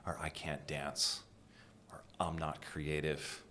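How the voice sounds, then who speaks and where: A middle-aged American man from New England, a design executive giving an animated interview and dropping to a whisper for emphasis. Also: very deep voice, slow, slight background noise. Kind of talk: conversational interview.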